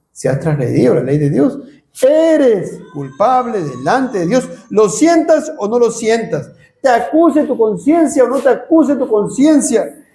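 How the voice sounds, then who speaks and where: A man's voice: very high voice, mellow. A man with a Peruvian Spanish accent preaching a sermon, earnest and pleading, repeating phrases for emphasis. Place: church hall. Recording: echoey church hall.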